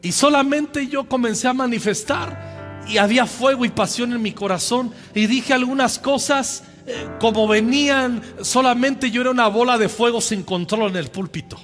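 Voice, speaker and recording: Lively high-voiced Mexican pastor preaching. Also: male voice, normal speed. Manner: lively, humorous, speaks directly to the congregation. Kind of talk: sermon with personal storytelling. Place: church. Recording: echoey church hall with soft music behind.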